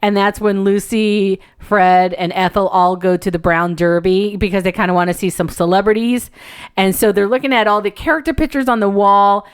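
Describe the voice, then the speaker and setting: A woman hosting a podcast in casual chat, telling stories in an animated way and laughing often. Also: medium pitch, normal speed, clear, resonant tone. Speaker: podcast host.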